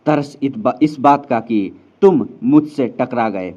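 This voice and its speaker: A man's voice: mid-range voice, slow pace, warm tone, close to an everyday voice. A man voicing a confident, cocky young male warlock hero who talks smugly and dismissively. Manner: smug, dismissive. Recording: slightly dull lo-fi sound.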